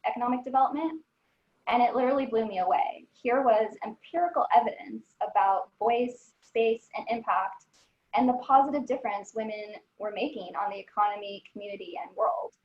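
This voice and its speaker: A woman's voice: a little high, darkish tone. Earnest storytelling woman, echoey lo-fi sound. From Southern California. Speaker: alumna guest. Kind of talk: recorded alumni interview. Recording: echoey lo-fi room.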